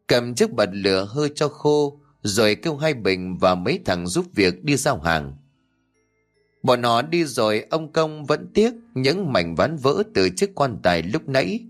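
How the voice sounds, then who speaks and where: A man narrating a horror audiobook story in a steady storytelling voice. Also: fairly low pitch.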